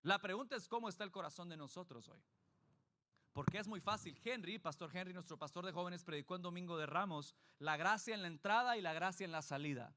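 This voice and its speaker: Male pastor, sermon delivery, high bright tone, emphatic, questions the congregation. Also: a little fast.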